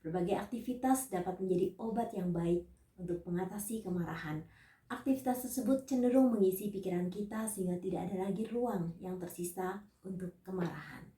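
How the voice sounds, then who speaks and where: A woman evangelist giving a scripted teaching sermon, reading out numbered points and Bible verses in a measured way. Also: medium pitch, mellow, reverberant, recorded from a distance.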